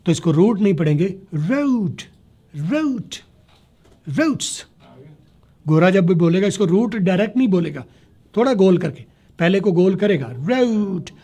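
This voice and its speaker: A man teaching spoken English to a class, spelling words letter by letter, slowing down to model sounds and checking that students follow. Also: high-pitched, dark tone. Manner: slows down to demonstrate pronunciation. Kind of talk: classroom lecture.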